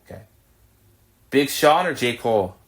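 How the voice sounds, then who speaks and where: A man hosting a podcast, firing off quick this-or-that questions with brief, low-key acknowledgements. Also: expressive. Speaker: podcast host. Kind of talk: casual rapid-fire this-or-that interview.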